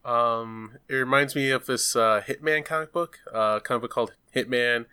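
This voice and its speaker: A man's voice: mid-range voice, moderate pace, clear, resonant tone, no room sound, studio quality. A man in casual podcast chat, telling stories with acted-out quotes. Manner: animated storyteller, acts out quotes.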